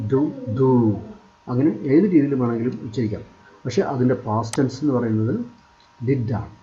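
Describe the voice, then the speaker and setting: Man with a dark, muffled voice. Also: mid-range voice. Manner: repetitive, pointing out items on screen. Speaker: English teacher. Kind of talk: screen-share tutorial.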